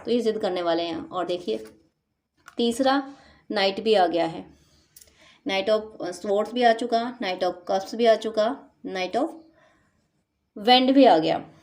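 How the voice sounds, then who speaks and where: A woman's voice: medium pitch, slow, pauses often. A woman giving a tarot reading, talking animatedly and acting out what people would say. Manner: animated, acts out quoted lines with laughs. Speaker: tarot reader.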